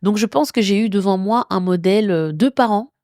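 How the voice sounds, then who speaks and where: A woman in her thirties from Belgium, a guest entrepreneur talking casually in an interview, animated, laughing often and slipping English phrases into her speech. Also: mid-range voice, brisk, no echo, clean studio sound. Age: 30s.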